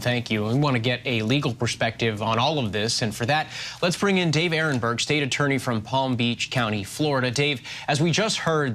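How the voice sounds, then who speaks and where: A male news anchor hands over from a reporter and brings in a legal guest with smooth, measured phrasing. His voice sits at an average pitch and sounds like a polished broadcast. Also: a bit bright.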